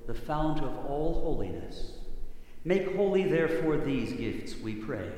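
Priest praying in cathedral echo. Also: male voice, fairly high pitch, big pitch swings, warm tone. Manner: measured, reverent phrasing. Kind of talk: solemn liturgical prayer recitation. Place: large echoing church. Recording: cathedral-like echo, long reverb, clear background noise.

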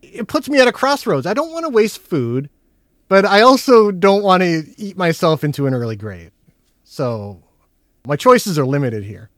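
A man's voice: sits high, big pitch swings, moderate pace, no room sound, clean studio sound. A man hosting a casual film chat podcast, talking in a jokey way with touches of mock-formal showman patter. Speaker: podcast host.

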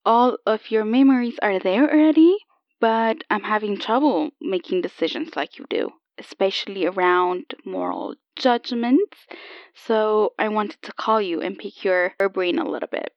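A woman playing a calm AI copy of an older woman, heard over an old telephone line, explaining patiently and a little haltingly. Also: mid-range voice, no echo. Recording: dull lo-fi phone sound, dry.

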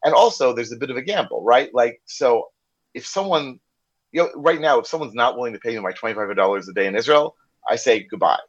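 Quick-paced and lively in intonation, this mid-range male voice belongs to an American corporate trainer on a podcast. In casual conversation he tells a candid story, dramatizing the dialogue he quotes, over slightly dull lo-fi audio.

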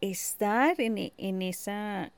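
Reflective woman with gravelly voice. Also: mid-range voice, drawn-out words. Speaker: podcast co-host. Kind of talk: casual conversation.

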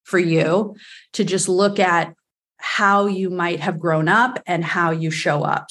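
Woman, New York accent, fairly low pitch, podcast guest, earnest explaining. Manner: earnest, explanatory, with frequent fillers. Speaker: attachment specialist guest.

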